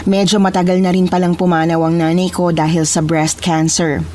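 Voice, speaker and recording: A woman narrating a true horror story in a measured, solemn storyteller's style. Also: fairly low pitch, level tone, a little mellow, slight background noise.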